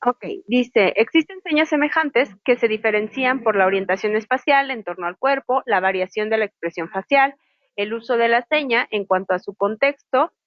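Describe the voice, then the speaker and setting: A woman's voice: fairly high pitch, normal speed, dry recording. A woman teaching sign language in an online class, explaining patiently and spelling out letters one by one. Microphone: video call microphone. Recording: muffled lo-fi video call audio.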